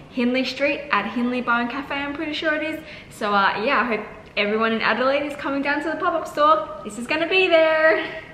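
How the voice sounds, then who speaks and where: A woman's voice: on the high side, pushed and bright. A woman vlogging casually, chatting upbeat with lots of fillers while cooking in her home kitchen. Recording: echoey room with faint noise.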